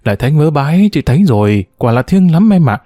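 A man's voice: a little high, big pitch swings, a little fast, mellow, dry recording, clean studio sound. A man reading a story and voicing a stern, self-important middle-aged woman who scolds in a proper tone. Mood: pleased.

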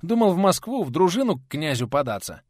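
A man voicing a tall bearded monk, a humble, quiet man who speaks modestly. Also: on the high side, very animated, fairly quick, no room sound, studio quality, pitched above the performer's own voice. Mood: sorrowful.

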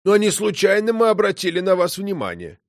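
Brief: male reader as a brooding, sorrowful nobleman, lively phrasing, close dry mic. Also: high voice, a little fast, no room sound, voice pushed up, heavily acted. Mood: grave. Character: middle-aged nobleman, gloomy and brooding.

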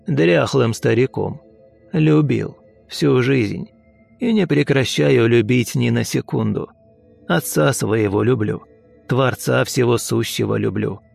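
A man voicing a calm, unshakable old taxi driver who speaks slowly and evenly, gently insistent. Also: mid-range voice, gravelly, faint music behind, full character voice. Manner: slow, even, gently insistent.

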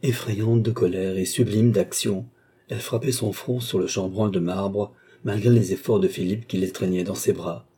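Male narrator, audiobook, steady reading, mellow, dark tone. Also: on the low side, moderate pace, breathy edge. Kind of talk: scripted narration.

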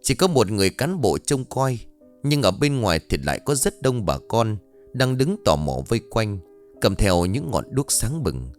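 A man narrating a ghost story in an expressive, dramatic scripted reading. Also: fairly low pitch, normal speed, soft background music.

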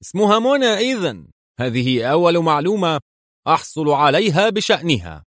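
A man's voice: on the high side, big pitch swings, moderate pace, fairly bright tone, no room sound, clean studio sound, voice pushed up. A man voicing a stern, angry middle-aged male Soviet general who speaks indignantly with a raised voice.

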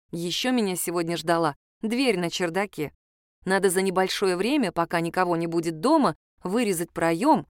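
A woman narrating a first-person story in a lively, wry way, often indignant. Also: mid-range voice, no room sound, clean studio sound.

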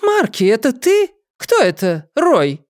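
A man's voice: wildly swooping pitch, slow, dry recording, clean studio sound, exaggerated voice. A man reading an audiobook and voicing an older mother who complains, guilt-trips and dramatizes everything. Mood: reproachful. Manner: shrill, complaining, melodramatic. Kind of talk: audiobook character voice.

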